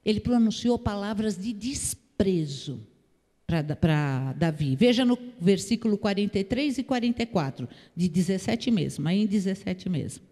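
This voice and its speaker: A woman's voice: mid-range voice, lively intonation, normal speed, dark tone. A woman pastor with a Brazilian accent, preaching a sermon with emphatic rhetorical questions to the congregation. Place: church hall. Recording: long church hall reverb.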